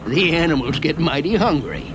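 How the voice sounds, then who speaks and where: A man's voice: fairly high pitch, expressive, normal speed, background noise, natural voice. A man playing a folksy, wry Old West mining train guide, drawling in a rural Western American accent as he narrates a theme park ride. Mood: genial, wry. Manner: drawling, folksy dialect with chuckles.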